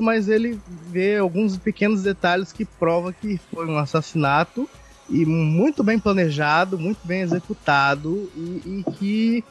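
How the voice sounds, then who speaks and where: A man co-hosting a casual film chat, summarizing the story in a halting, explanatory way. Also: high voice. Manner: halting, explanatory, restarts often. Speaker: podcast co-host.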